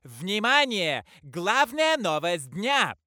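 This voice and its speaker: A male ceremony announcer with a high, bright voice that swings widely in pitch. He declaims slowly and festively, stretching each phrase. The sound is dry and close. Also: sing-song, no echo.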